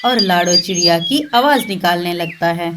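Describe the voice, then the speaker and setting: A woman's voice: lowish voice, animated, normal speed, very noisy. A woman narrator reading a scripted cartoon story. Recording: constant birdsong and clicks behind voice. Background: birdsong.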